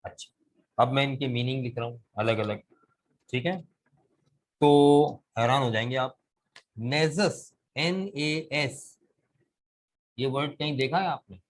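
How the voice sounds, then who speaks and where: A man's voice: medium pitch, a little slow, long pauses, low-quality recording. Pakistani man teaching an online class. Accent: Pakistani Urdu. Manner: explains step by step, asks students questions. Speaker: English vocabulary teacher. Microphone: video call.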